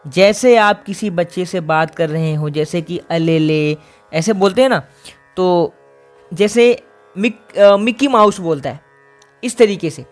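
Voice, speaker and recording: A man's voice: high-pitched, measured pace, soft background music. A man teaching a singing lesson, explaining vocal exercises patiently step by step.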